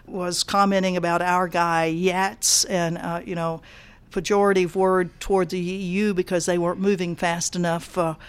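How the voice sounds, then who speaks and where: An older woman and peace activist answering interview questions casually, pausing often with fillers and restarts. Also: lowish voice, no room sound. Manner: halting, many fillers and restarts.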